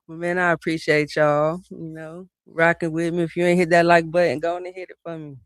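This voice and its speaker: A man's voice: on the high side, little pitch movement, moderate pace, smooth, dry recording. A man with a slightly raised voice hosts a reaction stream, mocking the clip he plays with plenty of swearing and laughter. His voice sounds close and dry. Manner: profane, mocking, laughs often. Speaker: reaction commentator. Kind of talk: casual live reaction commentary.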